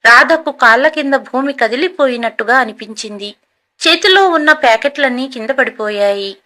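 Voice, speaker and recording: A woman storyteller reads a scripted tale in an even, measured delivery. Her voice is high and bright, with a crisp edge. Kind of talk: scripted narration.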